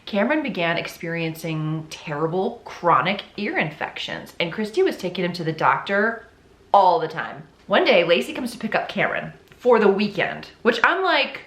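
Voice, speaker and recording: A woman's voice: fairly low pitch, very animated, normal speed, a bit bright. A young woman hosting her channel, telling a true crime story in a chatty, sarcastic way with lots of "like". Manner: chatty and sarcastic, many "like" fillers. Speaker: channel host. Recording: roomy echo.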